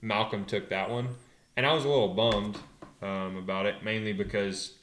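A young man and pro rider answering interview questions in a relaxed, hesitant way, full of fillers and restarts. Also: lowish voice, normal speed, reverberant, a little hiss or hum. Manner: laid-back, hesitant, many fillers and restarts. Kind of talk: casual interview.

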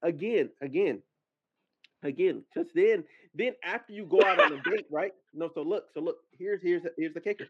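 Husky man talking over the table. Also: fairly high pitch, moderate pace, no room sound. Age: 30s. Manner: talks over others, keeps saying "so look" and "no, no, no". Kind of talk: casual group podcast chat. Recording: dull lo-fi podcast audio.

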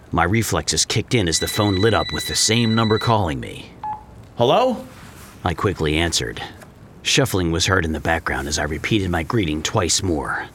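A man narrating a horror story in a low, hushed, suspenseful way. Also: slight background noise. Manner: low, hushed and suspenseful, jumping higher in dialogue.

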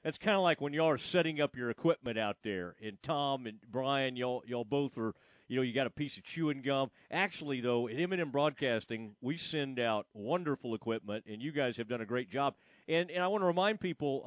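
A man hosting a casual sports radio chat, talking in a rambling, halting way with frequent false starts. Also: mid-range voice, dry recording.

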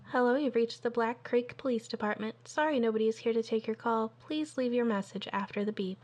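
A police station's voicemail greeting, read by a woman, plays over a landline phone. Her voice sits a little high and is politely recited. The line is muffled, with faint clicks underneath. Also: a little fast, a little mellow, a little hiss or hum. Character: police answering-machine greeting, female, flat. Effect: recorded voicemail greeting over a landline phone.

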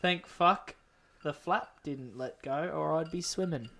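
An Australian man with a slightly high voice reads out a listener's story. His delivery is crude and jokey, like a co-host among mates. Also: unhurried, vocal fry. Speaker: podcast co-host. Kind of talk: reading a listener's story aloud.

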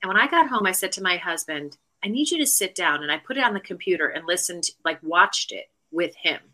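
A woman's voice: fairly low pitch, animated, fairly quick, bright, forceful tone, rough recording. A middle-aged woman, a real estate agent, chatting as a podcast guest and telling stories with lots of fillers and restarts. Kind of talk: casual podcast interview.

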